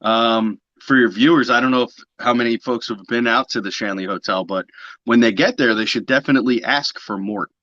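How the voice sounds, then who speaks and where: Male podcast guest, medium pitch, casual talker, close dry sound with dulled audio. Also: brisk, pushed and bright, no room sound. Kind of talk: casual conversational interview. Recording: slightly dull, lo-fi audio.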